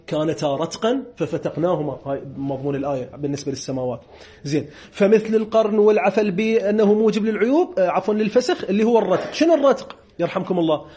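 A man with an Iraqi Arabic accent giving a seminary lecture on religious law, repeating definitions slowly and joking with his students. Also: high-pitched, mellow.

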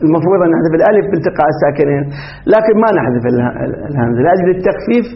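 A man's voice: a little high, animated, racing. A man teaching a grammar lesson, firing questions at his class and laughing often. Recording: dull lo-fi classroom recording.

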